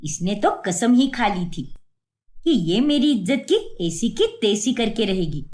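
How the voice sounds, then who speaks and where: A woman voicing a sharp-tongued, bossy middle-aged mother-in-law in a cartoon, talking in a scornful, scolding way. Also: medium pitch, sing-song, unhurried. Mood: complaining. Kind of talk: Hindi cartoon voice acting.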